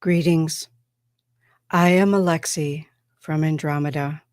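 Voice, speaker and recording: A woman's voice: sits low, fairly even intonation, darkish tone, dry recording, clean studio sound. A woman channeling Alexi, a solemn alien envoy. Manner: measured, solemn, formal address. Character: calm extraterrestrial spokesperson from Andromeda. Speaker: trance channeler. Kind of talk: trance channeling.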